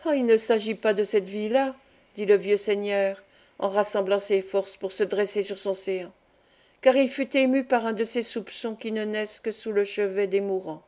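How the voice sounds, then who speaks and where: A woman narrating a classic literary tale as an audiobook reader, in a measured, expressive reading. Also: medium pitch.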